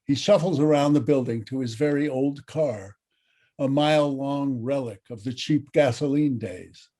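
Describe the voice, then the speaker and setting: A man's voice: medium pitch, normal speed, warm tone. A man narrating the stage directions of a script reading in a dry, matter-of-fact way.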